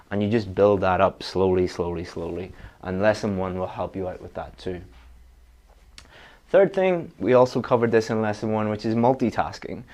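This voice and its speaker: An IELTS teacher with a fairly low, darkish voice coaches students through exam preparation. He addresses them directly, frank and practical, moving from one point to the next like someone intent on getting the work done.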